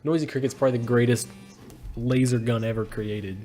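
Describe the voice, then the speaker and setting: A man's voice: mid-range voice, fairly even intonation, brisk, dark tone, soft background music. A young man in casual, profane movie chat, joking and riffing with mock quotes. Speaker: movie review co-host.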